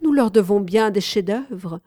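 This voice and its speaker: A woman's voice: mid-range voice, lively intonation, unhurried, mellow, no echo, studio quality. A woman voicing a self-assured society fortune-teller who declares her opinions, in an audiobook reading. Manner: declaring, authoritative.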